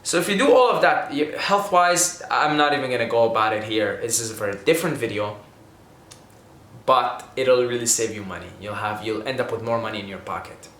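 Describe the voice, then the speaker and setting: A young Syrian vlogger talks casually to camera about money tips, rambling and earnest, often stopping to restart and tacking on "okay?". His mid-range voice is a bit bright and fairly quick. The room is echoey.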